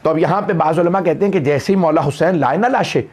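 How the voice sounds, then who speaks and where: High-voiced impassioned male preacher. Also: fast talker, a little mellow. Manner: impassioned, rising to wailing peaks in quoted lines. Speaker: Shia cleric reciting majlis. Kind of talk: mourning sermon recitation.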